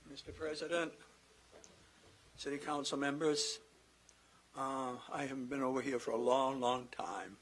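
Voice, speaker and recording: A man's voice: mid-range voice, fairly even intonation, measured pace, long pauses, a bit bright, a little hiss or hum, poor audio. A man giving an indignant public comment at a city council meeting.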